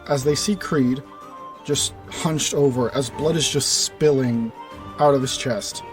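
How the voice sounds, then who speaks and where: A man's voice: mid-range voice, unhurried, over music. A young man casually narrating a recap of his tabletop fantasy campaign, with loose phrasing full of "kind of" and "like".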